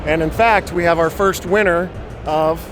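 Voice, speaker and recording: A man hosts a casual booth tour and interviews visitors in a busy convention hall. His voice sits a little high, and music plays clearly behind him. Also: fairly even intonation, measured pace. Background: music and expo hall bustle.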